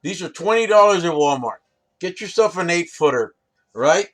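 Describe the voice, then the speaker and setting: Chatty man with a slightly high voice. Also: lively intonation, normal speed, a bit bright, slight background noise. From United States. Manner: rambling, with many fillers and restarts; talks straight to the viewer, often asking "right?". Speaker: fishing channel host. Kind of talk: casual gear demonstration.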